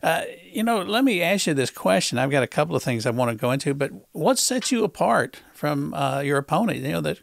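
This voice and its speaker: A male talk show host, interviewing in a halting way, repeating words and filling pauses with uh. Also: a little high, very animated, gravelly. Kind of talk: conversational political interview.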